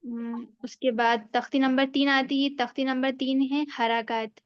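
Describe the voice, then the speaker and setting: Woman teacher, slightly high voice, dry and dull online-call sound, patient and repetitive. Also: little pitch movement, smooth, no echo. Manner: patient, repeats each rule and checks understanding. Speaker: Quran reading teacher. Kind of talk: online class lesson.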